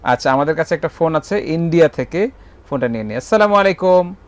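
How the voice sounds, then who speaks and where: A man hosting a live call-in music show, friendly and gently correcting callers. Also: fairly high pitch, lively intonation, fast talker.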